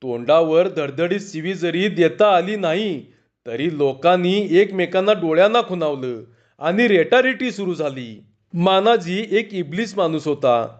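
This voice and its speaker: A male storyteller narrates a comic tale with lively expression. His voice sits high for a man. The recording is slightly dull and muffled. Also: a little slow.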